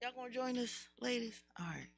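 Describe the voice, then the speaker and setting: A woman's voice: fairly high pitch, lively intonation, brisk, vocal fry, music in the background. An American woman co-hosting a casual podcast, blunt and slangy, swearing freely, with slightly slurred, lisping speech from wearing retainers. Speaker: podcast co-host.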